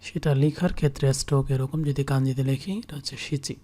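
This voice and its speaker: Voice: mid-range voice, fairly even intonation, fast, warm tone. A teacher giving a kanji writing lesson, repeating each reading several times while writing it out. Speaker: Japanese language teacher.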